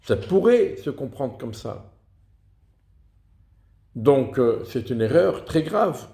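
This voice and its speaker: A man giving a slow, deliberate lesson on reading liturgical texts, pausing to sound out example words. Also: mid-range voice, sing-song, gravelly, dark tone, roomy sound. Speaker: teacher of Hebrew liturgical reading.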